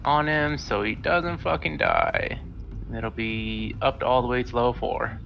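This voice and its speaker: A man with a gravelly, edgy voice mumbling his tabletop moves slowly and offhandedly. His mic sounds dull and lo-fi. A faint hiss sits underneath. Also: mid-range voice, sing-song. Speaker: player. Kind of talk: casual tabletop play.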